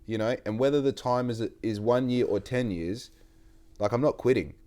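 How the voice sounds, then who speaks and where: A man's voice: medium pitch, normal speed, warm tone. A man in his late twenties with an Australian accent, hosting a casual podcast chat and telling stories in a rambling, sweary way. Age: 20s. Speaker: podcast host.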